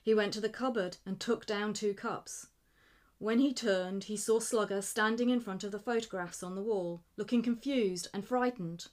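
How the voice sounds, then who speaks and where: A woman reading a short story aloud in a measured, expressive narration. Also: medium pitch.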